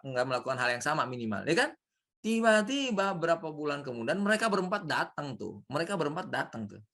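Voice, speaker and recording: A man's voice: on the high side, gravelly, a bit bright. A young man giving an informal lecture on leadership, chatty, with anecdotes and rhetorical questions to his students.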